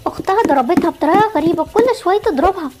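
A woman's voice: very high voice, very fast, darkish tone, a little hiss or hum. A woman with an Egyptian accent voicing a fretful young mother of twin girls, in an amateur voiced game story. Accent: Egyptian Arabic. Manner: fretful, scolding and soothing by turns.

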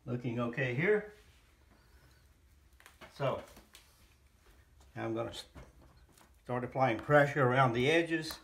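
A middle-aged hobbyist builder sits at a worktable in a room at home, giving casual, unscripted how-to narration in short bursts as he works with his hands. His medium-pitched voice is gravelly and fairly bright, slow, with long pauses, on a noisy home recording with clicks.

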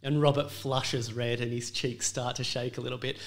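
A man in his thirties speaks into a studio mic with a noticeably gravelly texture. His middle-pitched voice carries earnest reflection and the odd filler as he recounts his kitchen years. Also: level tone, normal speed. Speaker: chef and restaurant owner, guest. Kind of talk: casual interview conversation.

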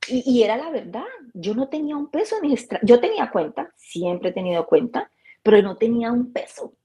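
A woman guest telling her story in a casual, animated way, acting out the dialogue of her anecdotes. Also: on the high side, fairly quick, husky. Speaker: interview guest.

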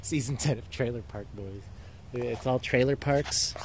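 A man's voice: mid-range voice, unhurried. A young man, a comedian, chatting casually to a phone held at arm's length. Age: young adult. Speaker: stand-up comedian, vlogger. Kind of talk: casual vlog chat. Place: outdoors and in a car. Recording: background noise on handheld phone.

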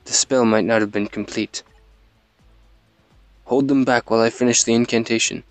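A man's voice: medium pitch, fairly even intonation, moderate pace, clean tone, no room sound, soft background music, natural voice. A man reading the lines of a regal male king in a game, plainly and in his own voice, without an accent. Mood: solemn. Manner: reads plainly, no accent attempted.

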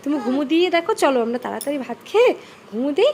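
High-voiced mother coaxing softly. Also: big pitch swings, very fast, a little hiss or hum. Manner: pleading, coaxing in a high soft voice. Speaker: mother coaxing her child. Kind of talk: home vlog with child. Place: home bedroom.

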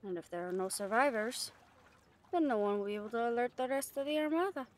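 Over background music, a woman performs as a catgirl pirate's first mate, fierce and loyal, speaking with earnest, plain-spoken determination and defiance. Her voice is fairly high, animated, and fast, yet still close to how she'd normally talk.

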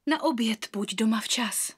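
A woman reading an audiobook and voicing a gentle, worried mother who speaks in a tender half-whisper. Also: a little high, slightly rough, no room sound, clean studio sound. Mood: soft worried. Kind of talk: audiobook character voice.

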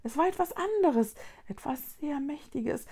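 A woman reading a children's storybook aloud, voicing tiny frail magical creatures with an urgent, breathy whisper that repeats words. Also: sits high, animated, a little slow, dark tone, voice pushed up.

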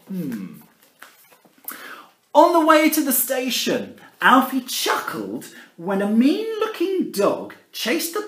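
In a living room at home, a middle-aged Englishman who teaches primary school reads a picture book theatrically, piling on exaggerated emphasis and chatty asides to the children. His voice is on the high side and a bit bright. A camera about arm's length away picks him up in an echoey room.

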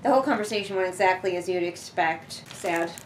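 Her voice on the low side and fairly quick, a young book reviewer reads along from her living room couch, rambling sarcastically and swearing offhand in casual commentary. The audio comes from a camera a few feet away and is noisy.

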